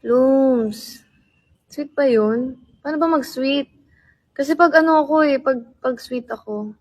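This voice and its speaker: A young woman chatting casually on a livestream, playful and laughing, sometimes dropping into slow soft tones. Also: high-pitched.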